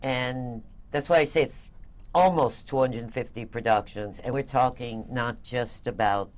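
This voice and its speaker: An older woman from Venezuela, a guest telling her story in an interview, animated and quick to laugh. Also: a bass voice. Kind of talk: interview conversation.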